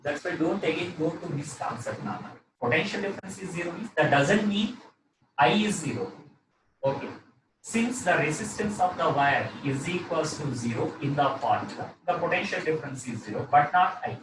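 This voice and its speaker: South Indian accent, male teacher, questioning and repetitive, highish voice, distant mic, noisy background. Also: animated, moderate pace, echoey room. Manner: repeats phrases, often tags with "okay". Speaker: physics teacher. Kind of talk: live lesson, working through problems and questioning a student.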